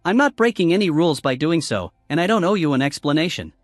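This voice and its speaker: A man's voice: on the high side, quick pace, no echo, clean studio sound, soft background music, close to an everyday voice. A man voicing a cocky, coldly menacing young male hunter in a story recap. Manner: flat and menacing.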